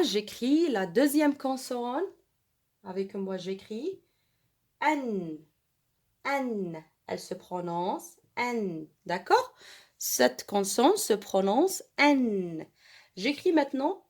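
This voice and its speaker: In an online lesson for children, a woman with an Arabic accent teaches French to young primary pupils. Her voice is medium-pitched and darkish, and she switches between Arabic and French, repeating each point slowly.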